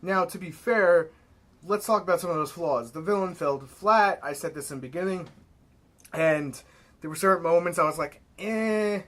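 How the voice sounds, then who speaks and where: Young male reviewer from New York, slightly high voice, casual and profane. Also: normal speed. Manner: excitable, blunt, swears freely. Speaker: movie reviewer. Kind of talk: casual spoken film review.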